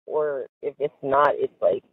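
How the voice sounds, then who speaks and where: On a tinny, dry prison phone line, a woman caller with a bass voice talks to an inmate at a measured pace. The chat is casual and giggly, packed with fillers like "like."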